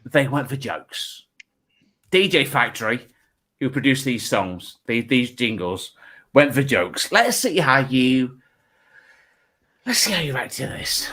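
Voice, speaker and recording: A man's voice: medium pitch, big pitch swings, takes it slowly, long pauses, sharp tone, husky. A man doing a stand-up comedy set, chatty and stumbling, mocking himself.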